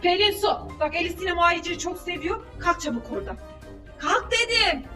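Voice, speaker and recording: A woman's voice: extremely high pitch, lively intonation, normal speed, pushed and bright, faint music behind. A woman acting as a mother in a staged family skit at home, gasping and scolding as she talks to her child. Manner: exclamatory and scolding, with gasps.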